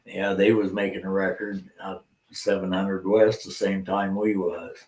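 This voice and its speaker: Slow, low-voiced man in echoey room. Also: level tone, a little mellow. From Indiana, US. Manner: laid-back, agreeable, short replies, folksy grammar. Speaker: podcast co-host, former musician. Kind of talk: casual reminiscing chat.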